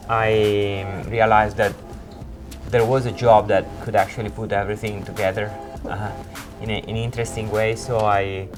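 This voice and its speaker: An Italian man in his forties with an Italian accent, working as a creative director, tells the story of his career in an informal interview. He speaks in hesitant, halting phrases with a fairly low pitch.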